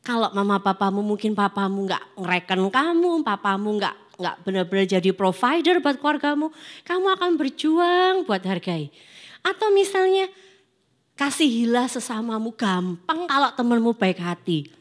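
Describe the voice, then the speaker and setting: A woman's voice: fairly high pitch, normal speed. A young woman, preaching a casual youth sermon and acting out students' excuses in playful voices. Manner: lively, acts out students' excuses in character voices. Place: church service.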